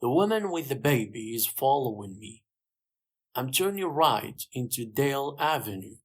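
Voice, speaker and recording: A narrator voicing Sue, a calm young policewoman, in a clear, slightly raised voice. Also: medium pitch, normal speed. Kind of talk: graded-reader story voice.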